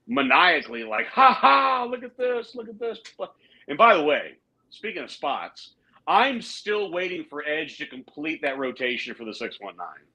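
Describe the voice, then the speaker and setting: A man's voice: fairly high pitch, sharp tone, poor audio. A man co-hosting a wrestling podcast, rambling through opinions in casual chat and mocking people with laughing voices. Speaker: podcast co-host.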